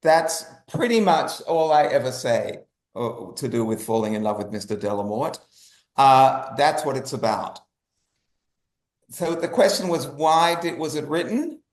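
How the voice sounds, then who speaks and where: Heard in an echoey, roomy space, a guest who writes and animates responds to an interviewer. The Australian man's medium-pitched voice is expressive and measured in pace, pressing his points hard and repeating phrases for emphasis.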